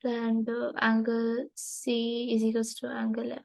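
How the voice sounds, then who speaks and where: Slow, very flat female student voice. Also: fairly high pitch, vocal fry, dry recording, rough recording. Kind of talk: answering a tutor in short replies.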